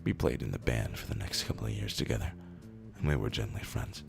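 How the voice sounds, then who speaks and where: A very deep, gravelly, hoarse man narrates internet posts, his voice raspy and rumbly with fry from days of screaming. The reading of these short stories is described as slow, low and dramatic, yet he's expressive and moves at a quick pace. Faint music sits behind him.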